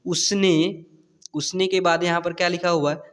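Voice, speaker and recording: A man gives a patient step-by-step lesson with a fairly high voice. He keeps checking that his pupils have understood. His voice rings with a long reverb. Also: steady tone, normal speed, a bit bright. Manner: patient, repeats "clear?" checks. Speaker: teacher. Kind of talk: explaining spelling at a board.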